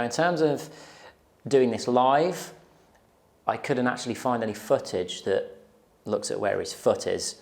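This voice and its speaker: Speaking into a lapel mic in a small indoor studio, a young guitar teacher with a lowish, gravelly voice walks through a casual lesson step by step. He counts the beats out loud over electric guitar playing.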